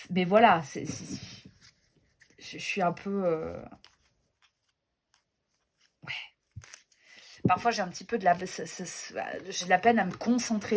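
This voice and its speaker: Showing her tarot and oracle cards in a relaxed show-and-tell, a woman speaks in a medium-pitched, slightly mellow voice. As a deck reviewer she is effusive and self-deprecating, often restarting sentences and leaning on fillers.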